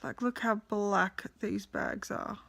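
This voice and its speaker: A woman's voice: medium pitch, steady tone, slow pace, gravelly, bright, forceful tone. Weary woman vlogging candidly. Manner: candid, rambling, tired. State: exhausted and emotional. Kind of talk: casual personal video diary.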